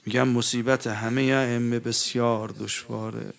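A man delivers a religious mourning sermon, part spoken and part chanted as elegy. His voice is gravelly yet resonant, and his delivery stays grieving and mournful throughout. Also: mid-range voice, level tone. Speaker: preacher reciting a mourning eulogy.

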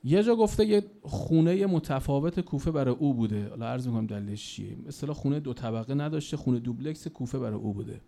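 Mellow-voiced man preaching a sermon. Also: medium pitch, gravelly, few pauses. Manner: colloquial storytelling with sudden swings in loudness. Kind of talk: religious sermon.

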